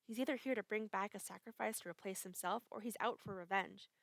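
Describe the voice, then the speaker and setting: A woman's voice: medium pitch, a little fast, gravelly, no echo, clean studio sound, close to an everyday voice. A woman voicing a young man who speaks ominously, cold and secretive.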